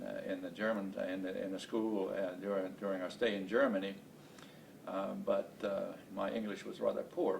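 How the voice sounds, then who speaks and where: Recalling his life for an oral history interview, a native Estonian speaker in his late seventies, from Estonia and later Baltimore, USA, and a space program veteran, speaks haltingly and deliberately with many hesitations. His voice is creaky and a little mellow, heard through a distant mic over a noisy, rumbling background.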